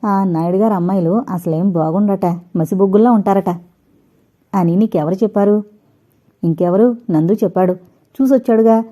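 A woman voicing a gentle, trusting middle-aged mother who coaxes softly, in an audiobook reading. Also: medium pitch, normal speed, lightly acted. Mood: coaxing.

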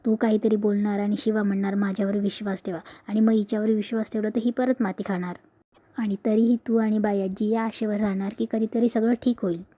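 A woman's voice: mid-range voice, flat delivery, fairly quick, warm tone, close to an everyday voice. A woman reading a sarcastic young sister. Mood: mocking. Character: bitter, mocking young sister.

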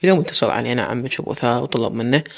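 A man's voice: mid-range voice, racing, creaky. A man voicing a firm, fatherly Iraqi sheikh. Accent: Iraqi Arabic.

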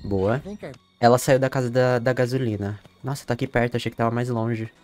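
A man's voice: mid-range voice, steady tone, fairly quick. Brazilian male streamer, young, casual game commentary, heavy swearing, faint game music behind. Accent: Brazilian Portuguese. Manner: swears a lot, bursts into loud panicked shouting. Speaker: gamer streamer. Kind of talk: live gameplay commentary.

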